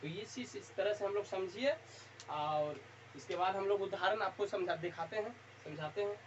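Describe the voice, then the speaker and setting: A grammar teacher at a board in a warm room, who asks a question and then answers it, repeating each key point several times. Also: mid-range voice, normal speed. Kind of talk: classroom board lesson. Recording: dull lo-fi sound with faint hiss.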